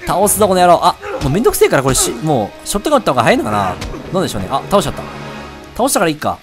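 A man commentating his own gameplay, excitable, yelping and swearing at enemies. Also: a little high, racing. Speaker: let's-play gamer. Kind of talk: live game commentary. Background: game audio and music.

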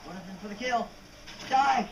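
A man playing a co-op shooter, frantic, often shouting for help and warning of enemies. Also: on the high side, lively intonation, moderate pace, a crowd in the background. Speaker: co-op gaming partner. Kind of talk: casual gameplay banter. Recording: distant from mic, echoey and noisy.

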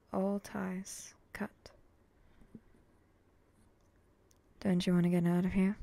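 A woman playing a brooding, vengeful samurai in an ASMR role-play, speaking in a breathy, terse, deadpan way. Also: medium pitch, close to an everyday voice. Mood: bargaining, calm. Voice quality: breathy, often dropping in a soft voice.

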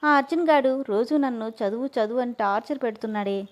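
A woman's voice: a little high, fairly quick, close to an everyday voice. A woman reading as a whiny, spoiled schoolgirl in a storybook. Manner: whiny, complaining. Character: sulky sleepy teenage schoolgirl, spoiled.

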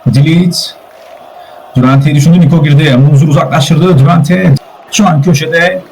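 A male play-by-play commentator with a fairly high voice, calling an online football match live. He rattles off names in quick bursts and climbs sharply toward shouts when shots hit the post or go in. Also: steady tone, creaky, slight background noise, poor audio. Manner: rapid name-calling, rising to shouts at goals.

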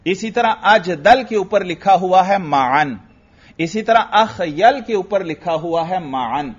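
A man with a Pakistani Urdu accent lectures his class on Arabic grammar, asking questions and answering them himself. His voice sits somewhat high, and he slows into a chanting tone when he recites Arabic text. The recording is dull and lo-fi. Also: expressive, breathy edge. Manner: asks students questions and answers them himself, often adds "bhai". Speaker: Islamic grammar teacher.

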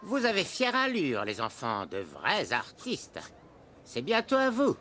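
A man's voice: a little high, wildly swooping pitch, measured pace, noisy background. A man voicing a showy, skeptical cartoon circus boss with a theatrical delivery.

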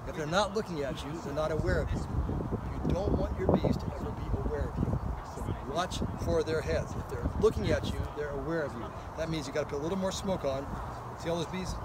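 Man, beekeeping instructor, slightly high voice, outdoors, loud wind and traffic noise, phone recording. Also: fast talker. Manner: practical, instructive, frequent "okay?" checks. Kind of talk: hands-on outdoor demonstration. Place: outdoor apiary by a road.

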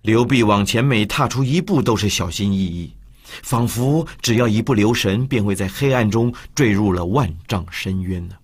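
A man narrating an audiobook in an expressive storytelling manner. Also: on the low side, normal speed, breathy edge. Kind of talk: scripted narration.

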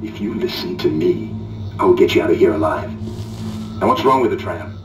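A man's voice: low-pitched, lively intonation, moderate pace, music in the background. A man playing a stern, authoritative security leader in a sci-fi video game, controlled and urgent. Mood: firm. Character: stern, commanding male security leader on a derelict spaceship. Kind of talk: dramatic video game acting. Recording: echoey, distant, faintly noisy game capture.

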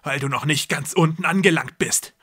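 Man putting on a feverish deluded young man, loud, raised pitch, bright tone, dry sound. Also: normal speed, husky. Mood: raving menacing. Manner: loud, intense, feverish delivery. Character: raving young man, cruel, deluded godlike.

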